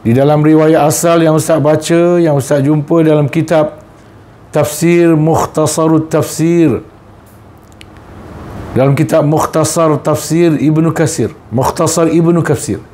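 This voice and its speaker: A man with a Malaysian Malay accent, a religious teacher telling a story in a sermon to schoolchildren, speaking slowly and deliberately and often repeating and rephrasing his phrases. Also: a little high, steady tone, mellow.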